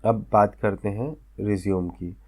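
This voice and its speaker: A man's voice: on the low side, fairly even intonation, unhurried, a little mellow, breathy edge. A man teaching a vocational class, explaining step by step and often checking whether students follow. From India. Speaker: vocational instructor. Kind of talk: classroom lecture.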